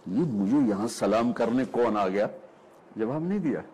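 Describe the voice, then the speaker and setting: A man preaching a sermon, telling a story with acted-out dialogue and slowly recited verses. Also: lowish voice, animated, dark tone, slightly rough, rough recording.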